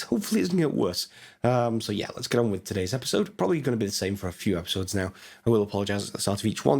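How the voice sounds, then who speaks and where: A man with a hoarse voice, chatting casually as he narrates his gameplay, thinking aloud with lots of fillers. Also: mid-range voice. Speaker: gaming channel host. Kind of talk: casual let's-play commentary.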